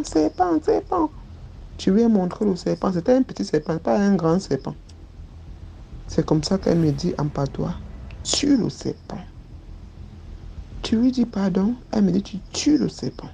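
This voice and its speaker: A woman's voice: low-pitched, creaky, dark tone, slight background noise. A woman giving an earnest personal testimony, recounting what happened to her step by step.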